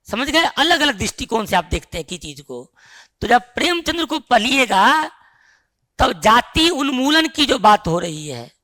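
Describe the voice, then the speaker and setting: एक पुरुष शिक्षक कक्षा में पाठ्यक्रम समझाते हुए, बीच-बीच में छात्रों से सवाल पूछता है।. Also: male voice, high voice, sharp tone. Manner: explains with rhetorical questions to the class. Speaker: teacher. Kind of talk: classroom lecture on the syllabus.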